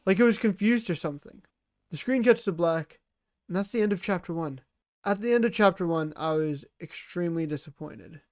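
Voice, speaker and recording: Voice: medium pitch, fairly quick, darkish tone, no echo, studio quality. A gaming video creator narrating a casual scripted game recap in a blunt, sarcastic and dismissive way.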